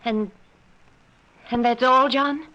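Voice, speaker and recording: In a noisy old-time radio recording with lo-fi sound, a woman plays an anxious, suspicious new wife in a 1940s drama. Her fairly high voice moves at a slow pace with fairly even intonation and a sharp tone, and she speaks hesitantly, faltering over her words.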